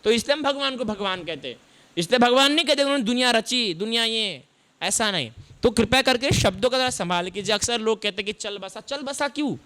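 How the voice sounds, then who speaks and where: A man's voice: extremely high pitch, expressive, a little fast, sharp tone. A man giving a sermon as a Buddhist monk, asking his listeners questions and answering them himself as he explains what words mean. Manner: explains word meanings step by step.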